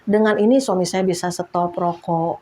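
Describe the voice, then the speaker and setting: A woman's voice: on the low side, fairly even intonation, normal speed, mellow. A woman in her fifties, an evangelist preacher, giving a chatty sermon testimony and often laughing as she talks to the congregation.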